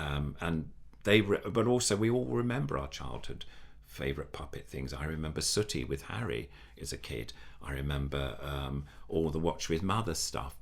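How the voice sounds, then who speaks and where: An older man with a nasal bass voice and vocal fry appears as a puppeteer guest in a casual interview. He chats enthusiastically and rambles, restarting his sentences often.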